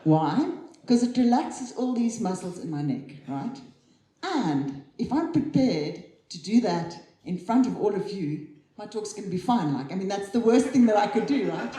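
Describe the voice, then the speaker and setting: A woman giving a chatty conference keynote on stage, lively and quick to laugh at herself. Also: mid-range voice, a little hiss or hum. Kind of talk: live tech talk on stage. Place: conference hall. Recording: roomy hall sound.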